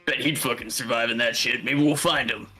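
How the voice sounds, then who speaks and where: A man's voice: mid-range voice, steady tone, brisk, sharp tone, faint music behind. A man role-playing his character in a tabletop game, rambling and swearing casually.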